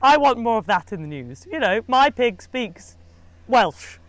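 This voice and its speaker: Woman from Britain, co-host, giggly storytelling, lively swooping voice, dry close sound. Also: fairly high pitch, unhurried, no echo. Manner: giggly, laughs while telling stories. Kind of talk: casual chat.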